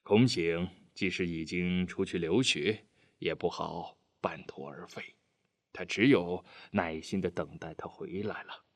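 A man's voice: deep voice, measured pace, no echo. Man reading as a bitter retired army man. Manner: bitter, curt, sighing.

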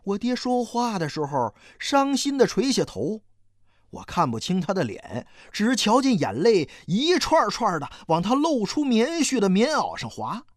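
Expressive audiobook storyteller. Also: medium pitch, no echo, clean studio sound. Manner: expressive, slow and dramatic. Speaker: narrator.

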